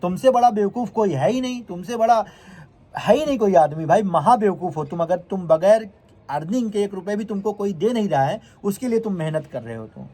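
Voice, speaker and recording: A man's voice: high voice, lively intonation, fairly quick, dark tone. A vlogger who is a man, delivering a heated, confrontational rant straight to his viewers and repeatedly scolding his critics.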